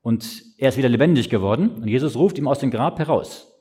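A man preaching a sermon, asking questions and answering them himself in a slow, explaining way. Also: mid-range voice, animated, warm tone, breathy edge.

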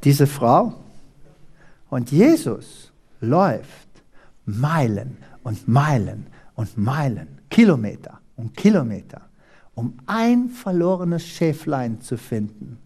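A preacher from South Africa delivers a dramatic sermon with scripture readings. The voice swoops widely in pitch, pausing for rhetorical questions and pressing each point home. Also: sing-song, a little mellow, breathy edge. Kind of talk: animated sermon with Bible reading.

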